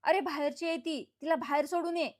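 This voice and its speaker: A woman voicing a sharp-tongued woman of the house who scornfully scolds a child. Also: sits high, steady tone, a little fast, natural voice. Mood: scolding. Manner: harsh, scornful.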